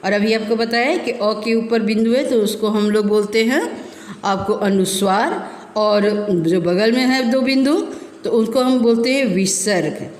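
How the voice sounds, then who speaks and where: A woman teacher giving a recorded grammar lesson to children, explaining slowly and repeating terms. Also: fairly high pitch, a little mellow. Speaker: school teacher. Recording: echoey room with long reverb.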